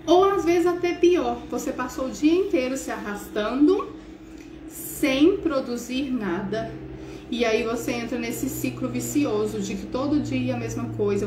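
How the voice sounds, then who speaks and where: Chatty Brazilian woman host, high voice. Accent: Brazilian Portuguese. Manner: animated, chatty, acts out scenes. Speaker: English teacher and host. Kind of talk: casual motivational talk. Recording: roomy echo, faint hiss.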